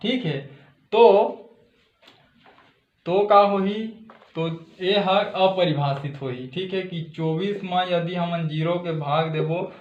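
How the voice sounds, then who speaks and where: A man's voice: on the high side, unhurried, reverberant, dull audio. A man with a Chhattisgarhi accent teaching a math lesson step by step, saying "okay" again and again and answering his own questions. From Chhattisgarh, India. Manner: says "theek hai" constantly, asks and answers his own questions.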